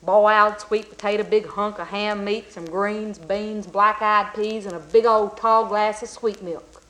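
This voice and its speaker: A woman telling a folk tale in a folksy, drawn-out and emphatic way. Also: mid-range voice, fairly even intonation, a bit bright, poor audio. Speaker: storyteller. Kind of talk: folk storytelling.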